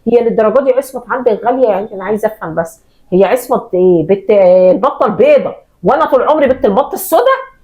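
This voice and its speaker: A woman's voice: on the high side, lively intonation, very fast, darkish tone, lightly acted, poor audio. A woman playing a reproachful eldest daughter and mother of four who resents her sister, speaking with an Egyptian Arabic accent in a family drama skit. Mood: indignant. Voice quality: indignant, reproachful.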